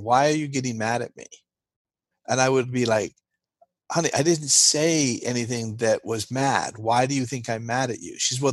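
A man's voice: mid-range voice, no echo. A man giving an interview as a guest expert, explaining earnestly and checking in with "right?" as he goes.

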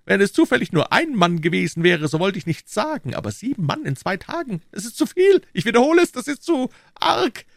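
A shrill, fussy young king. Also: big pitch swings, gravelly, dry recording, clean studio sound, heavily acted. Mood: scolding. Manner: shrill, fussy, quick to scold. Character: excitable high-voiced young male king. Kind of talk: audiobook character voice.

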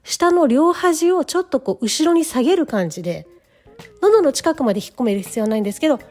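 A woman's voice: high-pitched, animated, fast talker, darkish tone. A woman teaching English pronunciation, patiently demonstrating each sound step by step, with faint music behind her.

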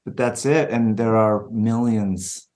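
A man's voice: on the low side, steady tone, slow pace, a little mellow. A man guest-hosting an interview, reacting briefly and asking follow-up questions. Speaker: guest host.

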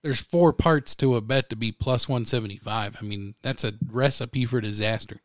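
A young man talks casually on a podcast in an easygoing, laid-back way. His voice is at a medium pitch for a man, and the sound is dry and close. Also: moderate pace, dry recording. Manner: relaxed, laughs along, chats about bets. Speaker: podcast co-host.

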